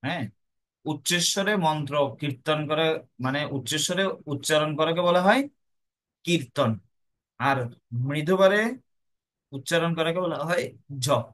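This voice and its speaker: A man gives a devotional talk in a voice a little higher than most men's. He teaches by asking rhetorical questions and answering them himself, with a patient, explaining manner. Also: measured pace, pauses often. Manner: chants the mantra softly. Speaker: devotional speaker. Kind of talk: Bengali devotional class.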